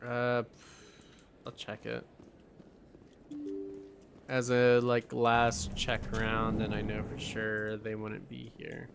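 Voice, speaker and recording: Young man, tired, casual stream chat, gravelly, game music behind. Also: fairly low pitch, monotone, slow pace, long pauses. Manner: mumbling to himself, musing. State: tired, yawning.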